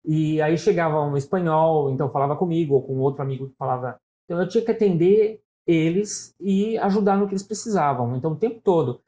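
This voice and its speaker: A middle-aged Brazilian man with a São Paulo Portuguese accent tells stories casually as an interview guest, constantly tacking on "né?". He's talkative, with a slightly high, dark-toned voice, speaking quickly and pausing rarely.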